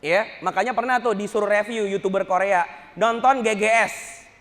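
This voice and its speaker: A male Islamic preacher giving a humorous lecture, joking and telling stories with animated energy. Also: sits high, moderate pace, big-room sound.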